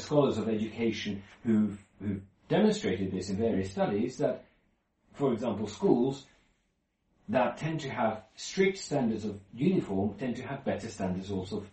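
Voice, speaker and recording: Man from Finland, low voice, mellow tone, informal Bible teaching, halting restarts, roomy distant recording. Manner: hesitant, many restarts and fillers. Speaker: Bible study leader.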